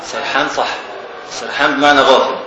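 A man's voice: medium pitch, steady tone, fast, crowd noise. Egyptian male teacher, questioning style, distant mic in a reverberant lecture room. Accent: Egyptian Arabic. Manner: questions and teases students while explaining. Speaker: teacher of Islamic law texts. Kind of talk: classroom text commentary. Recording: very echoey, distant from the mic, faint hiss.

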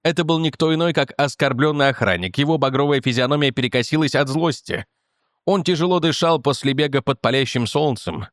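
Male audiobook narrator, measured, middle pitch, dry close mic. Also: no echo. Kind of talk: scripted narration.

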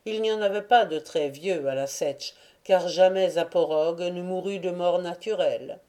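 A woman narrating a classic novel as an audiobook reader, in a measured, deliberate reading. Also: fairly low pitch, warm tone.

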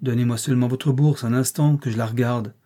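A man reading an audiobook, voicing a brusque, teasing wealthy gentleman employer. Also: mid-range voice, steady tone, a little fast, lightly acted.

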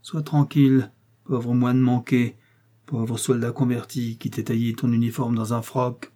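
A man's voice: flat delivery, measured pace, dark tone, close to an everyday voice. A man voicing a vengeful captive noblewoman who mutters her threats under her breath, in an audiobook reading. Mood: spiteful. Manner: muttering low through clenched teeth.

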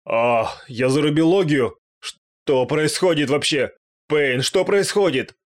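A man voicing a dim-witted, bewildered young knight in an audiobook, talking loud and confused. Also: medium pitch, animated, takes it slowly.

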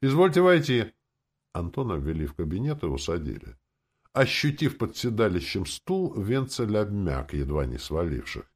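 A man narrates an audiobook in an expressive, dramatic style. His voice is deep and low, yet his pitch moves lively across a wide range. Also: moderate pace, husky.

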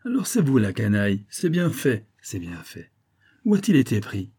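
A man's voice: medium pitch, sing-song, brisk, dark tone, husky, dry recording, pitched above the performer's own voice. A man voicing a startled old English lord in an audiobook, talking in blustering, commanding exclamations.

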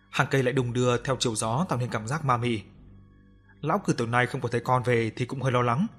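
Man narrating a ghost story, grave and steady. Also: mid-range voice. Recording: faint background music.

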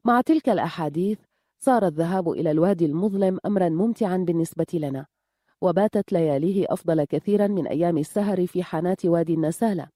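A woman with a low, mellow voice reads an audiobook in a calm, measured way. The sound is close and dry, with no room around it. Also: no echo. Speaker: audiobook narrator. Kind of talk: audiobook narration.

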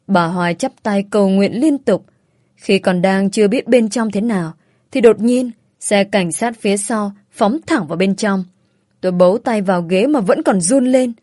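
Woman narrator, first-person audiobook story, earnest and emotional, medium pitch, dry close sound. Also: mellow, no room sound.

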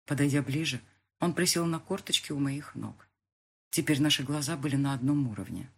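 A woman's voice: a bass voice, a little fast, husky. A woman narrating a first-person audiobook in an intimate, emotional storytelling manner. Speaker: audiobook reader.

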